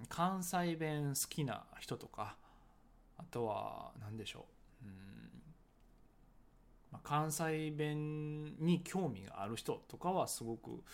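A man who teaches English conversation talks casually about his book, hedging often and pausing with many fillers. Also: medium pitch, creaky. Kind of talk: casual solo talk promoting his book.

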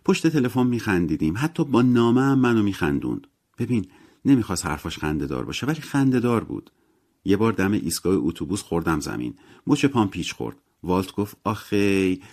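A man voicing a lively, wry young mother who talks in an animated, emphatic way in a story reading. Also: low voice.

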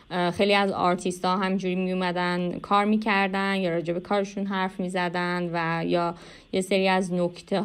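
A young woman with an Iranian Persian accent talks as an interview guest. Her voice is clean and smooth, sitting a little low for a woman. She answers conversationally and reflectively, hesitating and stretching her pauses. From Iran. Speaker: interview guest, animation artist.

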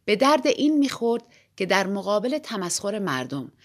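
Woman, audiobook reader, expressive story narration, animated, mid-pitched.

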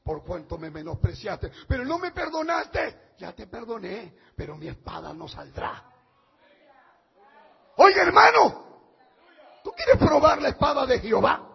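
A male pastor preaching a sermon, swinging between hushed words and shouted passages, with a husky, gravelly voice. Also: extremely high pitch, wildly swooping pitch, a little slow, pauses often. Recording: dull lo-fi sound in a reverberant hall.

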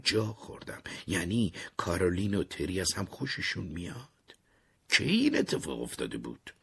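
A young man narrating a scripted story in a measured way, sometimes sinking to an unvoiced whisper. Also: a bass voice, pushed and bright, husky. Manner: measured, dropping to unvoiced whispers in tense moments.

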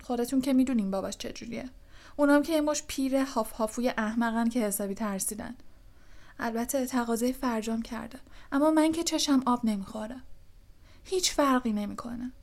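A woman's voice: fairly high pitch, a little mellow, lightly acted. A woman voicing a clever, fiery teenage witch in an audiobook, speaking with passion. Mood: bitter. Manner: passionate, indignant. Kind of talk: audiobook character voice.

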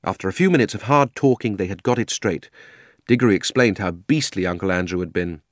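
A man narrating a children's story in a gentle, unhurried way. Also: deep voice, no echo, clean studio sound. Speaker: audiobook narrator. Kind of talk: storybook reading.

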